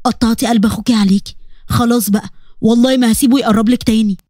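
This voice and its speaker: A woman voicing a calm, protective older brother with an Egyptian Arabic accent, speaking in a soothing but firm way. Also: on the high side, racing, dry recording, clean studio sound, pitched below the performer's own voice, lightly acted.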